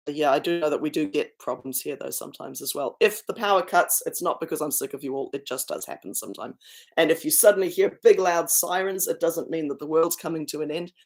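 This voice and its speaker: A woman from South Africa with a mixed South African and New Zealand accent, chatting casually on a livestream from a rural house and answering viewers' comments. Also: fairly low pitch. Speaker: singer hosting a livestream. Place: rented rural schoolhouse with a lake view.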